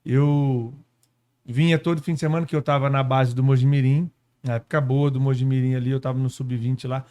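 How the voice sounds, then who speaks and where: A man from São Paulo state telling his story as a guest pastor, unhurried, tagging his sentences with little questions. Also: medium pitch, steady tone, mellow. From São Paulo state, Brazil. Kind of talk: casual testimony conversation. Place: podcast studio.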